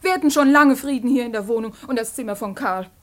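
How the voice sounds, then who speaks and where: Actress as a distraught young woman defying her father, high and heartfelt, close to tears. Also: quick pace, a bit bright, lightly acted. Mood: reproachful. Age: young adult. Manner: impassioned pleading, breaking into tears. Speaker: daughter. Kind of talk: radio drama acting.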